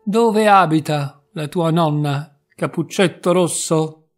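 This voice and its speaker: A man voicing a cunning wolf in a storybook reading, speaking slowly and coaxingly, with soft music behind. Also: on the high side. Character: cunning wolf, smooth and predatory.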